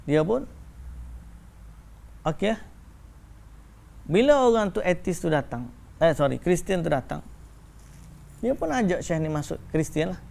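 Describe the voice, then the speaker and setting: A male religious teacher, giving a lecture to a live audience and telling stories in a lively way, acting out the dialogue. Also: fairly high pitch, creaky, a little hiss or hum. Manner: lively storyteller who acts out dialogue in shifting voices.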